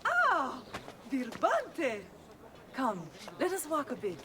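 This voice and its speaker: Teasing game heroine, slow lively delivery, noisy ambience. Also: female voice, sits high, distant mic, exaggerated voice.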